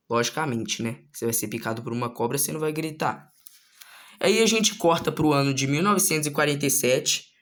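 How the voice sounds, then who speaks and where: A man casually retelling the story of his own manga, relaxed and slangy, with frequent filler tags. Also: on the high side. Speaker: manga author.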